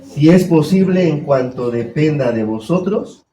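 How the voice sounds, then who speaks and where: A man's voice: on the high side, animated, measured pace, mellow, a little hiss or hum. A man preaching a sermon as pastor, putting questions to his congregation. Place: church hall. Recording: echoey church room.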